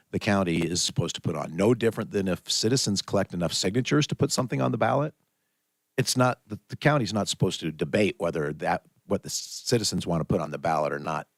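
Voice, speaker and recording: Deep-voiced American man hosting morning radio. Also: no room sound. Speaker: radio talk show host. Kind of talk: morning radio talk, conversational local politics discussion. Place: radio studio. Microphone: close studio microphone.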